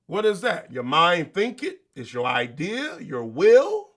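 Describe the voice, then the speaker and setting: Bright, emphatic motivational man. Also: high-pitched, wildly swooping pitch, slow pace. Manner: preachy, emphatic, colloquial, with rhetorical questions. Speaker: show host. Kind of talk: motivational monologue.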